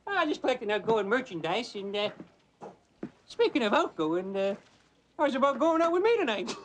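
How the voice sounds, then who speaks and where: A man's voice: very high voice, very animated, moderate pace, fairly bright tone, a little hiss or hum, heavily acted. An actor playing a pushy, flirtatious male store clerk in a TV comedy sketch. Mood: smug. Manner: cocky, persistent come-ons with a goofy laugh.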